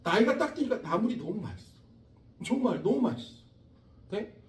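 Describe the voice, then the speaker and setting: A man in his forties gives a classroom lecture in a high, animated voice, chatting with students and firing questions at them. He is picked up from some distance in an echoey room with faint background noise. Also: a little fast. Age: 40s. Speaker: science teacher.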